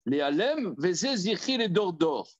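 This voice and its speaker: A man, a rabbi, teaching a Torah study class. He reads verses aloud, then explains them in a halting way with many repeated words. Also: high-pitched, big pitch swings, dry recording, dull audio. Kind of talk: Talmud study lesson.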